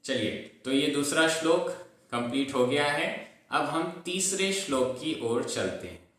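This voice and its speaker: A Prakrit teacher with a slightly high, fairly bright male voice and lively intonation gives a recorded lesson on chanting Sanskrit verses and their meaning. Unhurried, he patiently repeats syllables to drill their pronunciation. The room is very echoey.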